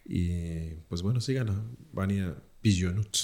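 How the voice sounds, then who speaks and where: A man's voice: sits low, measured pace, darkish tone. A man hosting a casual podcast chat, recorded in a roomy space. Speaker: podcast host. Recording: roomy echo.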